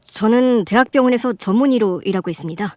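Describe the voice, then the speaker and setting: An actor playing a calm, formal young doctor about to marry, polite but quietly offended. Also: male voice, high-pitched, fast, no echo, clean studio sound, natural voice. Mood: composed. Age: young adult. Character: polite composed young male doctor, groom-to-be.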